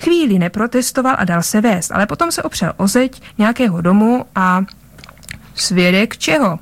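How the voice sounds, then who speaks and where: A woman reading a story aloud, narrating with lively delivery and small slips. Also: medium pitch, no room sound. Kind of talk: audiobook-style story reading.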